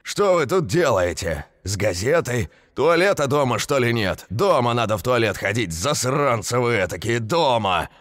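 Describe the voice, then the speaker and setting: A man voicing a big burly construction worker who yells and scolds gruffly. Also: medium pitch, very animated, moderate pace, hardly any pauses, dry recording, clean studio sound, voice pushed up. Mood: furious yelling.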